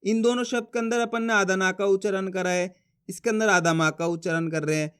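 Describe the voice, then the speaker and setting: A man teaching reading in an online lesson, slowly sounding out syllables and repeating his own questions and answers. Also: high voice, steady tone, a bit bright, clean tone.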